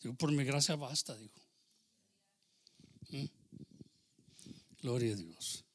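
A man's voice: medium pitch, takes it slowly, slight background noise. A man preaching a sermon, calling out to his listeners as brother and punctuating with praise, slipping into English phrases now and then. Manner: preaching with rising fervor, calling out "hermano" and "aleluya"; code-switches into English phrases.

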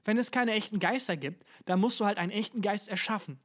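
A narrator voicing an arrogant, quick-tempered rich castle owner who shouts and bosses people around in a storybook reading. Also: medium pitch, pitched above the performer's own voice, natural voice. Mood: furious. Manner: loud, domineering, shouting.

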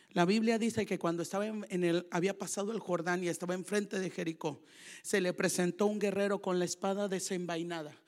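Older woman preacher, emotional sermon delivery, raspy edge. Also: medium pitch. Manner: emotional, swings from soft murmurs to loud shouting.

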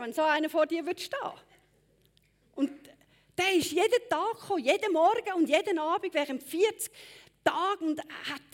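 A woman preacher giving a sermon, emphatic, swinging between loud exclamations and hushed lines. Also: high voice.

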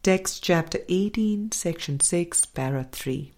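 In a measured, audiobook-like style, a low-voiced woman reads from a spiritual book and offers commentary along the way. She speaks slowly, deliberately and softly, yet with some animation, and her lines trail off quietly at the end.

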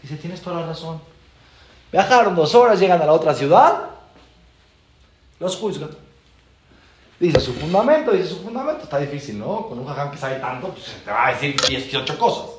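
Rabbi, animated storyteller, high and swooping voice, acts out dialogue. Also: male voice, moderate pace, pauses often, roomy sound, a little hiss or hum. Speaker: rabbi teaching a class. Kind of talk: storytelling lesson.

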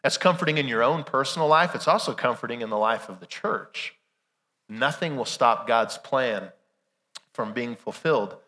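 A male pastor delivers a conversational Sunday sermon with a bright, forceful edge on a voice weakened and strained by illness. He leans on rhetorical questions, and his mid-pitched words ring through a long church reverb. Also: animated, normal speed. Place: large church room during a service. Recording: reverberant hall sound.

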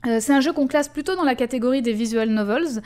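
A woman's voice: sits high, fast, darkish tone. A woman hosting a podcast in casual chat, explaining at length with many fillers and asides. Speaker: podcast host.

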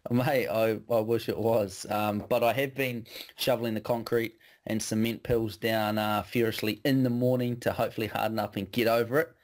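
Easygoing male podcast host, a bit hoarse. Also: on the low side, fairly even intonation, moderate pace. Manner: easygoing, friendly, restarts often. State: slightly hoarse from a cold. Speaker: podcast host and performance coach. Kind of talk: casual podcast chat.

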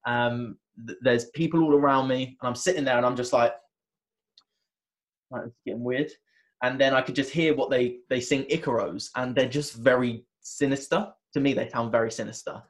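A wellness coach appearing as an interview guest tells a personal story in a medium-pitched voice. His retelling is animated as he acts out things he once said, though his delivery is halting, full of restarts and fillers.

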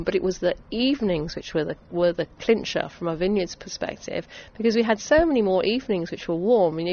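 A lowish, slightly mellow female voice belongs to a middle-aged Essex vineyard owner with a southern English accent. She chats with enthusiasm in a casual interview, recorded with dull, lo-fi sound and background noise.

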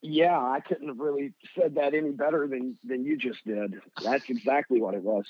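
A man's voice: mid-range voice, steady tone, normal speed, dry recording, dull audio. A man with a Kentucky accent telling casual, humorous stories as a podcast guest, self-deprecating and folksy, swearing freely. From Kentucky, United States.

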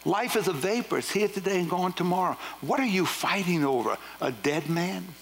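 A man's voice: sits high, expressive, fairly quick, a bit bright, a little hiss or hum, rough recording. A man preaching a sermon, firing rhetorical questions and casual asides at his congregation. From Louisiana. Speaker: pastor.

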